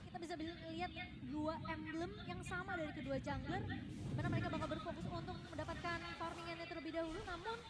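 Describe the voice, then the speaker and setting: A woman with an Indonesian accent giving analytical commentary as co-caster of an esports match. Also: very high-pitched.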